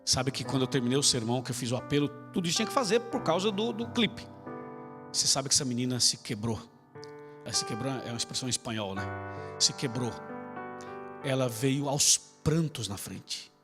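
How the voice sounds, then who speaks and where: A man's voice: medium pitch, lively intonation, a little fast. A man preaching as a pastor, telling a story to his congregation, acting out dialogue and speaking directly to them. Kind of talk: storytelling sermon. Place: church sanctuary. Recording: long hall reverb with piano music behind.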